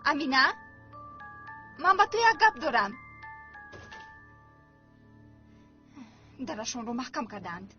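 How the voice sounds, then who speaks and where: A woman's voice: sits high, big pitch swings. An actress dubbing a stern, bossy woman who orders children about and pushes a plan. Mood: coaxing. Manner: bossy, commanding. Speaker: stern stepmother figure. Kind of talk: dubbed TV drama. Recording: lo-fi with music underneath.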